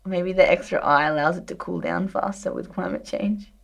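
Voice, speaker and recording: A woman co-hosting a science podcast, giggly and animated in casual chat. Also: on the low side, moderate pace, vocal fry. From grew up on a farm. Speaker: podcast co-host.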